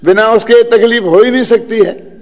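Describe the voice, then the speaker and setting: A man's voice: high-pitched, fairly even intonation, moderate pace, long reverb tail. An older Indian man giving a spiritual discourse, telling a true story and often checking that his listeners follow. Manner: storytelling, often asks the audience if they follow. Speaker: religious teacher.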